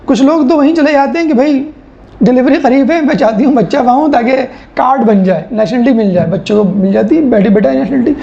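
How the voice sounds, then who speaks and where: Gravelly-voiced woman teaching a lecture. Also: high voice, warm tone, echoey room, highs cut off. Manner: explanatory, rhetorical questions, mimics people. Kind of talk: classroom lecture.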